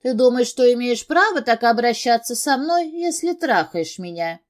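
A woman's voice: fairly high pitch, animated, slow, pitched above the performer's own voice. Woman doing a clingy, intoxicated young woman. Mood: shrill.

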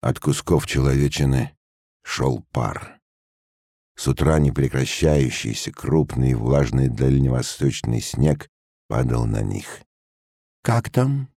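A man reading a story aloud in a steady, measured way. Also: rumbling low, creaky, no room sound, studio quality. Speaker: narrator. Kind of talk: audiobook narration.

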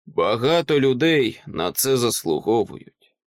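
A man voicing the ghost of a stern father, in a hushed whispered role-play for an audiobook. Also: medium pitch, sing-song, a little slow.

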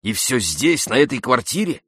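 An energetic, insistent friend presses his case loudly and emphatically, as a male narrator puts him on. The voice is brisk and commanding in this storybook reading. The sound stays close and dry. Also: medium pitch, breathy edge, dry recording, exaggerated voice. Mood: urging. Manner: emphatic, urging, loud.

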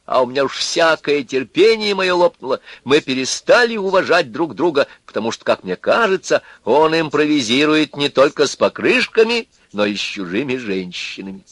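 Man doing a sharp-tongued, scornful wife. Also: on the high side, very animated, normal speed, hardly any pauses, no room sound, pitched above the performer's own voice. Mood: complaining. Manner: scornful, mocking.

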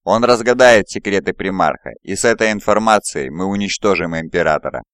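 A man's voice: sits low, fairly quick, fairly bright tone, smooth, no room sound, clean studio sound. A man reading an insinuating scheming advisor. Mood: probing. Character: scheming male chaplain advisor, probing. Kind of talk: audiobook character voice.

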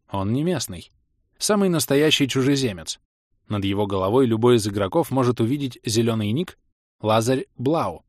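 A man narrating a fantasy audiobook with a steady, expressive reading. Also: mid-range voice, dry recording. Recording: dry studio voice-over.

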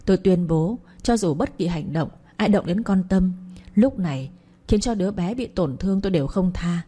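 A woman's voice: fairly low pitch, lively intonation, normal speed, dark tone, husky. A woman reading the lines of a harsh, domineering elderly matriarch who scolds and commands. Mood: scolding.

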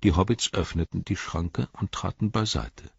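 A male audiobook narrator with a very deep, husky voice, telling the story in a steady, even way. The studio sound is dry, close and a little dull. He reads without hurry. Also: normal speed, dry recording. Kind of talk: scripted narration.

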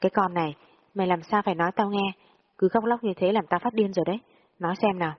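A woman's voice: mid-range voice, fast talker, husky, close to an everyday voice. A woman voicing a furious, foul-mouthed older female friend who scolds and swears at a younger girl in a storybook reading. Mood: exasperated. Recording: dull lo-fi audio with long reverb.

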